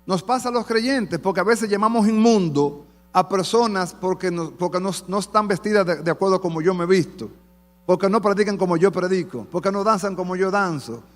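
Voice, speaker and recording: A pastor preaching a fervent sermon to his congregation in a church, addressing them warmly as beloved. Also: sits high, fairly quick. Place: church sanctuary. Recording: long church hall reverb.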